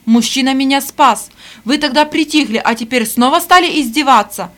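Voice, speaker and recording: A woman's voice: high-pitched, moderate pace, fairly bright tone. A woman reading an audiobook voices a mistreated young servant girl who answers back indignantly. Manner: indignant, defiant, pleading. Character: mistreated teenage servant girl, defiant and hurt.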